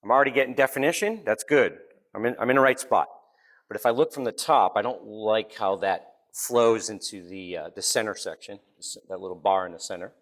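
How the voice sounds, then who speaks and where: Boston man demoing CAD software. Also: on the low side, brisk. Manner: relaxed, joking, step-by-step. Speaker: presenter. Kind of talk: live technical demo. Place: conference session room.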